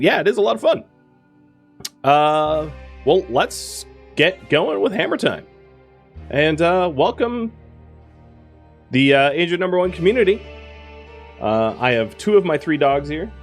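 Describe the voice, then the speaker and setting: A man chats casually as a live game streamer. His medium-pitched voice is lively and varied, and he rambles and corrects himself. Faint music sits behind him.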